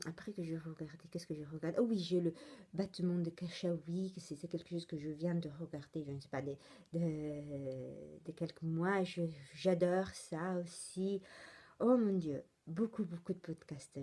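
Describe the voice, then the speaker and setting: A woman's voice: fairly low pitch, moderate pace, mellow. A woman with an Italian accent hosting a casual knitting podcast, rambling and hesitant with many fillers and restarts. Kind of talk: casual chatty podcast monologue.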